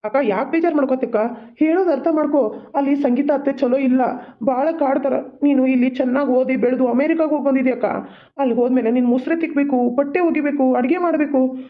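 Cartoon drama: a performer plays a hot-headed rich young man, rapid and exasperated. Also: high voice, narrow, tinny audio, close to an everyday voice. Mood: disapproving. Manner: exasperated, blunt, quick-talking. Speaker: cartoon voice actor. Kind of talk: homemade cartoon drama dialogue.

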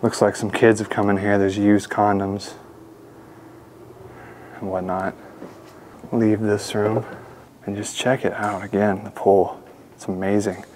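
A young man casually narrating a walkthrough of an empty mansion, talking to his viewers with excitement. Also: on the low side, unhurried, pauses often, slight background noise. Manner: excited, addresses viewers as guys. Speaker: urban explorer vlogger. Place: large empty mansion indoors.

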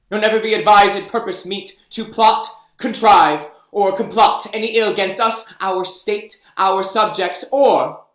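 In a staged Shakespeare reading, an actor plays a proud young king passing judgment, measuring out each line of verse slowly in a regal, stately, stern manner. His voice is high and fairly bright, and the performance is heavily acted. A webcam on a video call picks him up in an echoey room.

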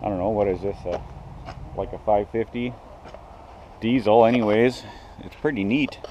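A man in his forties giving relaxed, musing commentary to a handheld action camera as he walks around an outdoor swap meet. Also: on the low side, moderate pace, highs cut off. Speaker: vlogger. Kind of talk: casual walk-around commentary. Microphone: action camera carried by hand. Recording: outdoor noise around the mic.

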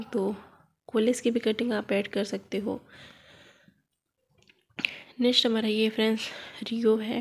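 Gravelly-voiced woman showing her garden. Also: medium pitch, darkish tone. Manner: chatty, addresses viewers as friends. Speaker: gardening vlogger. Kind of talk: casual gardening walkthrough. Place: home garden, outdoors. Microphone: phone held in hand.

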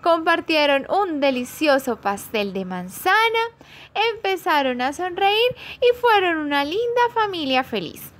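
A woman reading a children's story aloud in a slow, expressive storybook manner. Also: sits high.

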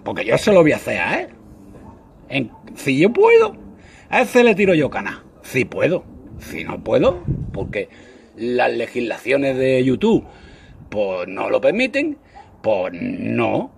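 A man's voice: medium pitch, wildly swooping pitch, slow pace, vocal fry, long pauses, slight background noise. A man vlogging a crude, angry rant, mocking his rivals with whiny impersonations. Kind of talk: angry ranting monologue.

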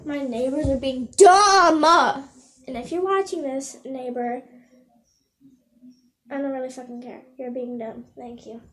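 A woman's voice: high voice, a little slow, slight background noise. A teenage girl chatting casually in a vlog, slipping into baby talk with her puppy. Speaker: vlogger.

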